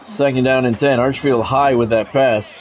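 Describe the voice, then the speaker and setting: A middle-aged man, his voice mid-range and steady, does radio-style play-by-play of a football video game at a moderate pace. He talks in clipped phrases and drops informal asides, with faint music playing behind him.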